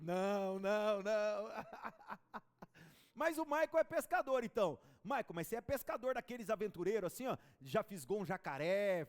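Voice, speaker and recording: A male pastor, preaching a sermon and telling stories, animated and bantering with his congregation. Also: high-pitched. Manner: storytelling, animated, chatting with the congregation. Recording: preacher in a reverberant church hall.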